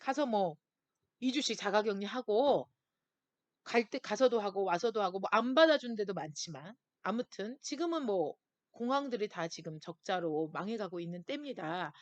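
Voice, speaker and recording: A middle-aged woman pastor preaching a sermon to a youth group, emphatic and expressive, sometimes dropping to a soft near-whisper. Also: mid-range voice, normal speed, no echo. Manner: lively and emphatic, acting out voices of worried listeners.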